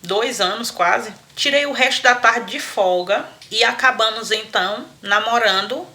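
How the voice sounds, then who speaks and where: A woman hosting a storytelling show, retelling a listener's story with animated, chatty asides and frequent laughter. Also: fairly high pitch, a little slow. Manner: animated, laughs often, talks to listeners as friends. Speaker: storyteller host.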